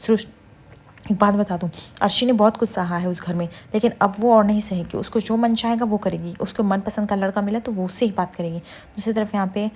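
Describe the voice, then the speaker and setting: A woman quickly retelling the plot of a television serial in a casual recap, quoting each character in turn and pausing on fillers. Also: mid-range voice, steady tone, a little mellow.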